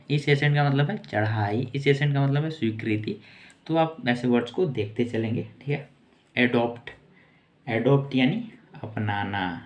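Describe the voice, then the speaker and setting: A man teaching English vocabulary in a casual, repetitive way, saying each word slowly and repeating it. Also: medium pitch. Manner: slow, repetitive word-by-word explaining.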